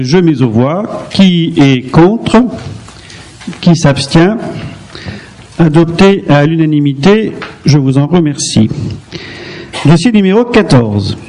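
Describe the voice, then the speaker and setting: A man chairing a town council meeting, calling votes in a brisk, procedural way. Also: fairly high pitch, warm tone, rough recording. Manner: brisk procedural calls to vote.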